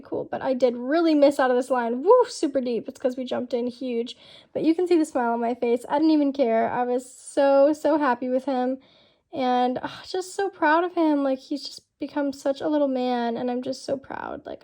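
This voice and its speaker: Young woman, high voice, gravelly fry, chatty, casual voiceover, heavy fillers. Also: mellow. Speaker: horse rider narrating her show rounds. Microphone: home-recorded voiceover.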